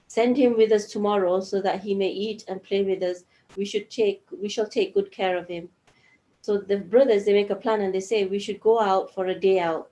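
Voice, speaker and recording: Woman Quran teacher, warm low-key tone, relaxed explanatory delivery, peppers lines with "right?". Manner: explains verses with frequent rhetorical "right?" checks; unhurried, thinking aloud with fillers. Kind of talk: conversational religious lesson.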